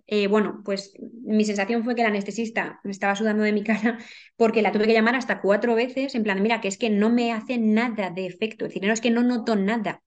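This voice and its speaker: A woman's voice: mid-range voice, lo-fi sound. A woman telling a personal story as a podcast guest, earnest, with many restarts and repetitions.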